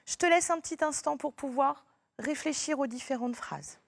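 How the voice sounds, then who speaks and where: A woman's voice: high voice, moderate pace, gravelly. A woman primary school teacher giving a remote lesson to a young child, patient and encouraging as she speaks straight to the pupil.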